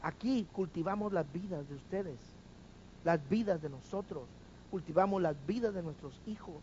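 A man's voice: sits high, normal speed, a little mellow, lo-fi sound, a little hiss or hum. A man preaching a sermon, firing rhetorical questions at the congregation and having them repeat after him.

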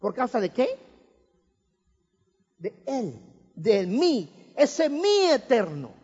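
Male preacher with a very high voice, emphatic and humorous, in an echoing church hall. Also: wildly swooping pitch, drawn-out words, a little mellow, husky. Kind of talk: sermon. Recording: reverberant hall, dull lo-fi sound.

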